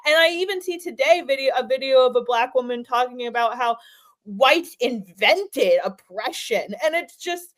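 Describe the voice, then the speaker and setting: A woman's voice: sits high, expressive, normal speed, fairly bright tone. Emphatic woman hosting. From United States. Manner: earnest, emphatic, swears for emphasis. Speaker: host. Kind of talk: casual chat.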